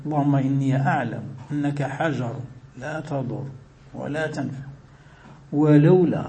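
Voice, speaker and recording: A man's voice: a little high, a little mellow. A man giving a religious lesson, explaining hadith in classical with colloquial asides and questions to his listeners. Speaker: Islamic scholar teaching hadith.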